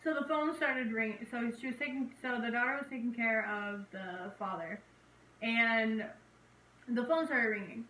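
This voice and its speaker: A woman in her twenties, co-hosting and retelling a horror film in slangy, animated casual chat. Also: fairly high pitch, moderate pace, echoey room, far from the mic, slight background noise, low-quality recording. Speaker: co-host, movie reviewer.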